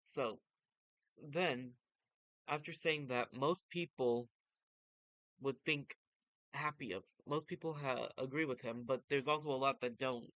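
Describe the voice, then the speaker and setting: Male vtuber, casual fan commentary, mid-pitched clean smooth voice, close dry sound. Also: measured pace, pauses often, fairly bright tone, dry recording. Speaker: vtuber reading and commenting on manga.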